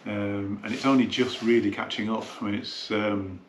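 Chatty hi-fi dealer, low voice. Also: male voice, steady tone, normal speed, echoey room. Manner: chatty, thinking aloud while handling the product. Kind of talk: casual unboxing talk. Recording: noisy room tone with clicks.

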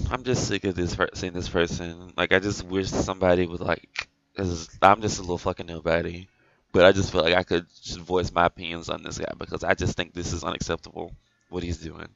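A man's voice: sits low, creaky, a bit bright, dry recording. Exasperated man ranting, dull dry sound. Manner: exasperated, repetitive, heavy on "like" fillers. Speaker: gaming video creator. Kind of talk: opinion rant to camera.

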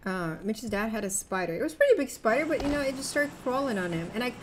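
A young woman streaming a game, chatting casually and yelling out when she's startled. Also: on the high side, animated, fast talker, a little hiss or hum. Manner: jumpy, yells suddenly, chatty. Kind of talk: casual gaming chat.

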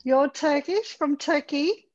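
A woman's voice: high-pitched, slow pace, crowd noise. A woman who is a visiting English teacher, greeting students in a friendly online class over a video call. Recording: dull lo-fi video call audio.

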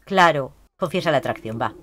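A woman's voice: sits low, animated, a little fast. A woman in her twenties with a Spain Spanish accent, chattily narrating a life-sim game and breaking into shrieks of shock. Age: 20s. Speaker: let's play gamer.

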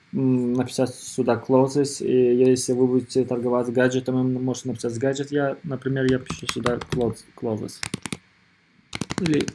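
A man narrating an informal screen tutorial as its presenter, in a hesitant, halting way, often repeating himself. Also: mid-range voice, warm tone. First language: not Russian or rusty Russian speaker living abroad.

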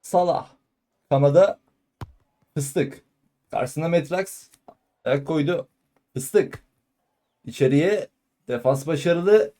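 A man giving live football play-by-play in clipped phrases, calling out player names and shouting excitedly at goals and shots. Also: fairly high pitch, slow, pauses often. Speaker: football commentator. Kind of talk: live play-by-play match commentary.

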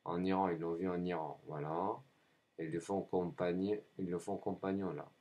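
A man in a rambling spoken monologue, halting often and repeating himself as if answering his own questions. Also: low-pitched, steady tone, warm tone. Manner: halting, frequent hesitations.

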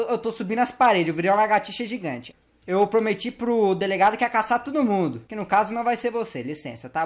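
Playful and full of slang, this male gameplay YouTuber narrates casually, addresses the characters on screen, and gets worked up during the action. His voice sits high.

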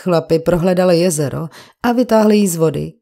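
Gruff working-class bricklayer witness, coarse and grumbling, low dark voice, read by a woman for a crime audiobook. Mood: defensive grumbling. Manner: coarse colloquial speech, grumbling.

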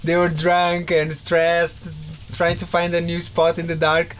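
Relaxed sailor man chatting aboard. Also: fairly high pitch, a little slow. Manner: relaxed, rambling with fillers. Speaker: sailing vlogger. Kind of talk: casual chat. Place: inside a sailboat cabin.

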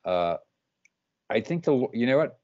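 A man in his thirties hosting an interview over a video call, speaking in a measured, halting way. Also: mid-range voice, very animated, darkish tone, highs cut off. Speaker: host. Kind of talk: casual interview talk.

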